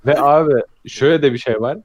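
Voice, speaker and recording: A man's voice: medium pitch, fast talker, dull audio. A man in a casual podcast chat, chiming in with short comments between the others. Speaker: podcast co-host.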